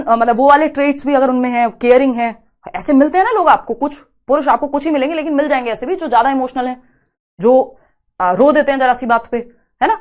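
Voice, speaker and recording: A woman teacher giving an exam-prep lecture. She explains through rhetorical questions and frequent tag questions, mixing English terms into her talk and dictating notes. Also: high voice.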